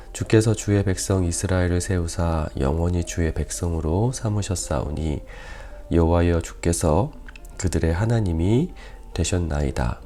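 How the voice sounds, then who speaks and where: A male pastor with a weakened, quiet voice, leading an early-morning prayer service and reading scripture slowly and deliberately, with many "ah" pauses. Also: low voice. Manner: measured, careful enunciation with frequent "ah" pauses. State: weak, quiet voice.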